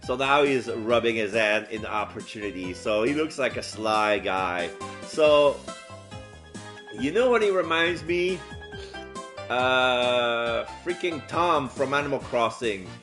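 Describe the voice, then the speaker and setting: Halting man narrating a game, animated pitch. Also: faint music behind. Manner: halting, describing scenes aloud. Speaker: game streamer and voice-over player. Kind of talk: casual let's play narration.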